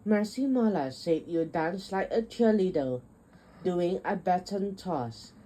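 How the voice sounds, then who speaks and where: A joking male creature from a picture book, sheepish and pleading, as a woman reads him aloud. The voice is unhurried and mellow, with a husky edge. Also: lowish voice, expressive, poor audio. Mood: amused. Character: joking male creature who regrets teasing.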